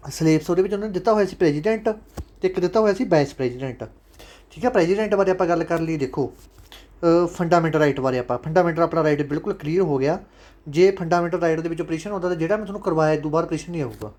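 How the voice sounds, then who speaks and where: A man's voice: on the high side, racing, a little mellow. A man with a Punjabi accent teaching an online exam-prep lesson, chatty and fatherly, repeating key points again and again. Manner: chatty and fatherly, calls students "sons". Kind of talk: casual online lecture.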